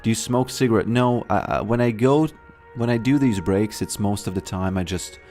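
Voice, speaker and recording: A man from Latvia, streaming a game and chatting casually in a halting way, repeating words and filling pauses. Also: fairly low pitch, darkish tone, faint music behind. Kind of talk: casual live-stream chat.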